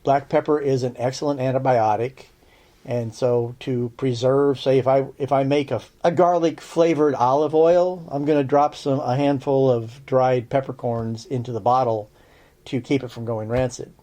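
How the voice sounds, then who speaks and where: Mellow-voiced man teaching herbal lore. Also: mid-range voice, fairly even intonation, moderate pace. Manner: chatty, checks in with "okay?"; dry sarcastic asides. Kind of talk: casual spoken lesson.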